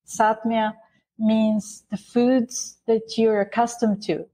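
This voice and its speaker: A woman from Bulgaria talks as a guest in an interview, explaining at length. Her voice sits fairly high. She restarts phrases often and keeps an eager, animated flow. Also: slow. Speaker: guest, Ayurveda author. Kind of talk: interview conversation.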